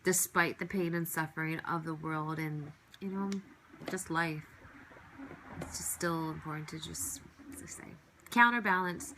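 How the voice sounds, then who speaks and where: A woman's voice: on the low side, a little hiss or hum, low-quality recording. A woman hosting her own podcast from home, talking in a casual, reflective monologue that turns to heated venting, swearing freely. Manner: reflective, drifting between soft musing and heated venting. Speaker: podcast host.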